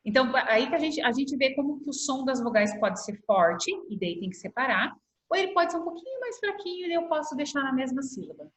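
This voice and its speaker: A patient Brazilian woman teaching young children over a video call, her voice fairly high and lively as it rises and falls through each explanation. She draws out words slowly to show their sounds, and the laptop mic picks up a lot of room echo. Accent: Brazilian Portuguese. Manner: patient, stretches words slowly to spell them out. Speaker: primary school teacher. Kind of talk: online class explanation. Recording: echoey video-call audio.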